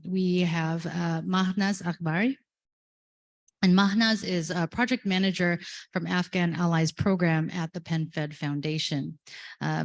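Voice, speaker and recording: A woman moderating a conference panel, introducing the guests and asking questions with many hesitations. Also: lowish voice.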